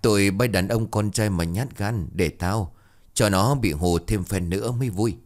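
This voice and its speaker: A man voicing a brash young male worker who teases his friends in a quick, mocking way. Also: lowish voice, a little mellow, natural voice.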